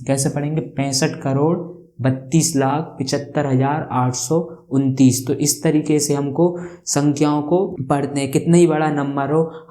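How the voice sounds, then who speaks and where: Mellow-voiced maths teacher quizzing the class. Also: medium pitch. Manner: asks questions and answers them, counts place values slowly. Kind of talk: classroom lesson explanation.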